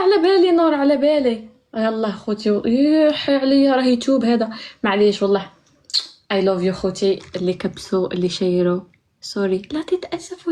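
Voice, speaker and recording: Girl streaming live, high voice, hyped, laughing a lot, shouting names at chat. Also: a little hiss or hum. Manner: excitable, laughing, rapid calls to viewers.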